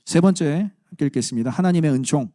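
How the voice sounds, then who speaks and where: A man's voice: fairly high pitch, fast, dark tone, no echo, clean studio sound. A man preaching a sermon as pastor, conversational and humorous with emphatic turns. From Chungcheong region, Korea.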